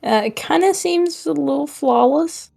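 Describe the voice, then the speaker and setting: A woman describing her character in a tabletop game, slow and halting with fillers. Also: high-pitched, lively intonation, creaky, warm tone. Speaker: player.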